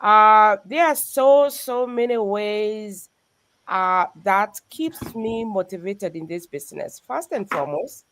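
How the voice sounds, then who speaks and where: A woman's voice: medium pitch, slow, fairly bright tone. A woman from Kenya, a pastor, speaking as a guest on a livestream in a thankful, reflective way over a video call. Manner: thankful, reflective, with many uh fillers. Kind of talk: casual livestream talk.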